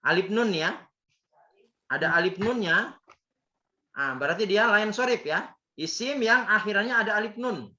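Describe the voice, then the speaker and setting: A man's voice: high-pitched, animated, normal speed, pauses often, sharp tone. A man teaching a grammar class, drilling students by repeating words and quizzing them. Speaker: Islamic teacher. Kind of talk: Arabic grammar class with call-and-response. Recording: echoey, dull lo-fi, faint noise.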